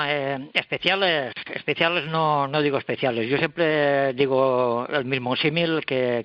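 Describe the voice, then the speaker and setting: A man's voice: medium pitch, no echo, highs cut off. An older man, answering interview questions in a hesitant way, often repeating words and restarting. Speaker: radio collector guest.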